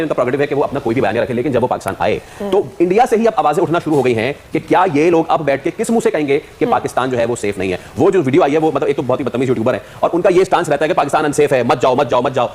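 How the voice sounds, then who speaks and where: Brisk man posing a probing question. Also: on the high side, expressive, darkish tone, breathy edge. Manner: mixes in English phrases, probing. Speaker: panel guest. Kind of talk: debate commentary.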